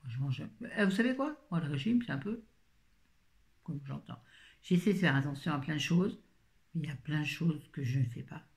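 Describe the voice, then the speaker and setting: A woman's voice: low-pitched, lively intonation, moderate pace, a little mellow. A woman in her fifties chatting casually through a grocery haul, rambling with self-mocking asides. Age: 50s. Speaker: vlogger.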